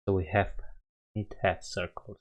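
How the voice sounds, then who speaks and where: A man with a Romanian accent runs a live coding stream, reasoning aloud and catching his own errors as he types. His deep voice is flat and a little slow, and the recording is muffled.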